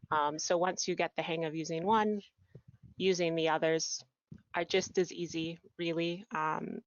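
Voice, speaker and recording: A woman with a low voice speaks on a webinar, pausing often with ums as she explains. The audio is dry and a bit muffled, like a video call. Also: dry recording. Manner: hesitant, many ums. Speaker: support specialist.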